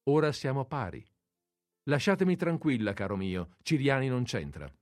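A man reading aloud and voicing a sharp-tongued, flirtatious society lady in a mocking, teasing tone. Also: expressive, moderate pace, dry recording, studio quality, natural voice. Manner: mocking and teasing, raised pitch.

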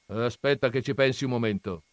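Playing a domineering grandfather, a male reader bellows judgments at the family, his voice raised and forceful, gruff and commanding. The pitch is medium and the pace a little fast, pushed up yet close to an everyday voice. The dry, close recording has no room sound.

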